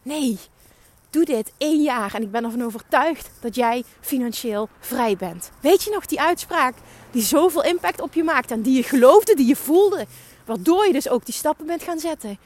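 A woman's voice: high-pitched, lively intonation, normal speed, a little mellow. A young woman giving an emphatic, urging motivational monologue as a podcast host, swearing for emphasis. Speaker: podcast host and business coach.

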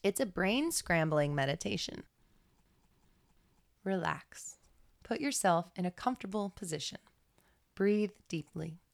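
A woman leads a guided meditation, reading in a measured, soothing way. Her voice sits low and carries plenty of fry. The sound is close and dry, with hardly any room in it. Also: lively intonation, dry recording. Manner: slow, soothing, measured delivery. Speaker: podcast guest reading aloud.

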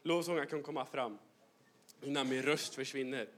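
A man preaching a humorous sermon in a church, animated and joking, slipping into English phrases. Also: mid-range voice. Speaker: youth pastor. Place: church hall.

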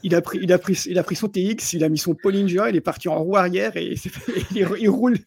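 A man's voice: high voice, fairly even intonation, fairly quick, creaky, darkish tone, a little hiss or hum. A man chatting casually about films on a podcast, stumbling and repeating his words as he goes. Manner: stumbling, repeats words often, chuckles while talking. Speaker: podcast co-host reviewing films. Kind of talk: casual film review chat.

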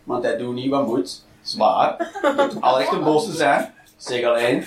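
A man's voice: medium pitch, lively intonation, normal speed. A man doing a blunt, profane stand-up comedy routine, in an echoey, distant live recording.

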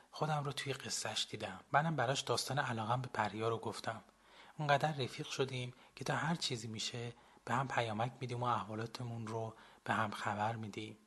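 A young man narrating a personal story in the first person, calm and reflective. His voice has a husky, slightly breathy grain throughout the radio reading. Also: medium pitch. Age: young adult. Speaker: blogger and storyteller.

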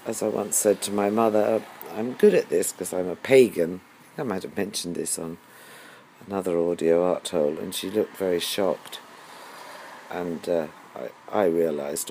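An older man, giving a halting, wry personal monologue as host of his own audio series. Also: low voice, warm tone, slight background noise, poor audio. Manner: musing, halting, with wry humour. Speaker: podcast host.

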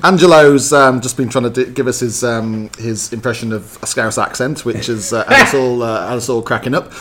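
A man's voice: medium pitch, brisk, fairly bright tone, faint music behind. A man hosting a football podcast in casual banter, joking and rambling with lots of fillers and restarts. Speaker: podcast host.

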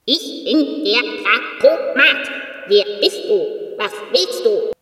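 A woman's voice: on the high side, expressive, slow pace, over loud music, pitched below the performer's own voice. A woman voicing a stubborn, bossy talking machine box in a children's story, speaking curtly with a tinny, echoing filter. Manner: curt, matter-of-fact, dismissive. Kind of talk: children's audiobook reading.

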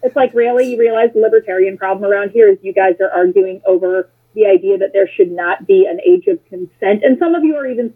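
Talking fast with hardly a pause, this husky, medium-pitched American woman trades in blunt, sarcastic stories and swears liberally. She's a former political candidate guesting on an interview, keeping things casual and opinionated. Her connection sounds muffled and phone-like.

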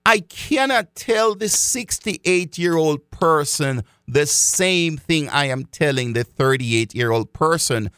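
A man's voice: fairly high pitch, a bit bright, smooth, no room sound, clean studio sound. A man giving a direct talk to his audience as a financial educator, speaking emphatically, repeating key phrases and calling his listeners folks.

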